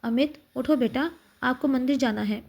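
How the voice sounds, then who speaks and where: A woman voicing a gentle middle-aged mother who speaks softly and coaxingly in a read-aloud story. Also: sits high, moderate pace. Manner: soft, coaxing.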